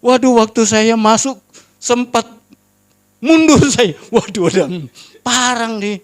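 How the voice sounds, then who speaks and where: A middle-aged male pastor with a fairly high voice tells a story from his ministry in an earnest sermon. He keeps turning to the congregation as brothers and sisters and drops to a hushed tone when the story grows tense. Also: slow pace. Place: church prayer service.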